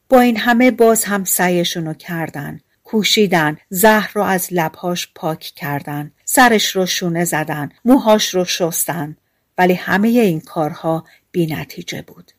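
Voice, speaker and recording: Woman, audiobook narrator, calm measured storytelling, low pitch, dry recording. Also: no echo.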